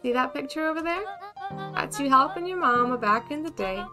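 A woman's voice: high-pitched, expressive, a little fast, over music, voice pushed up. A woman voicing a fussing, sentimental older female cat who runs a diner in a game. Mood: fond, nostalgic. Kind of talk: game dialogue read aloud in character.

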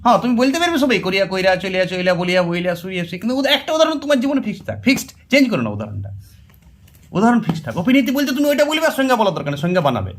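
Grammar teacher, male, high and animated, emphatic and repetitive, addresses students directly. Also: rapid-fire, a little hiss or hum. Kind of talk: exam-prep lesson.

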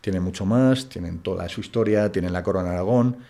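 Low-pitched and mellow with vocal fry, this man speaks at a quick pace. He's a guest in a relaxed interview, a Spaniard with a Madrid accent whose blunt, colloquial talk is full of "tío" and "macho."

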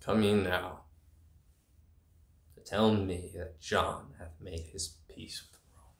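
Young man acting a proud, slow-spoken prince, roomy sound. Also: lowish voice, lively intonation, a bit bright, exaggerated voice. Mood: grave reproach. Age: 20s. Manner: declamatory, formal, deliberate. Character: proud, defiant young royal prince refusing to retreat. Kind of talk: Shakespearean stage monologue, self-taped. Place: indoors, small room against plain backdrop. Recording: roomy, echoey small room.

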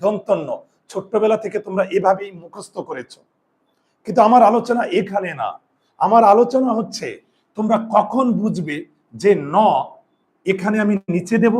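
A male teacher with a fairly high voice leads a spelling lesson for his students. He repeats each rule several times. He asks the class questions and then answers them himself. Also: normal speed, pauses often. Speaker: Bengali grammar teacher.

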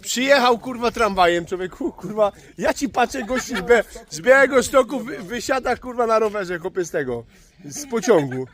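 A man talks straight to his viewers about his days on the road, his voice a touch higher than most men's. He rambles from one story to the next and swears as casually as he breathes. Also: animated, moderate pace. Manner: rambling, swears freely, calls listener "chłopie". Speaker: vlog host, tow truck driver.

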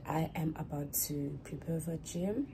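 A young adult woman, a student vlogger, chats casually to her phone camera held at arm's length in a small dorm room. Her voice is low and unhurried, and she rambles and corrects herself as she goes. There is a noisy background.

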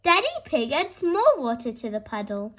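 With a high voice, a woman performs a picture book for small children, using a lively yet deliberate storytelling delivery.

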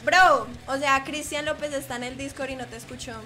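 A woman's voice: high-pitched, fairly even intonation, a little fast. A woman streaming a game live, teasing and chatting playfully with her viewers.

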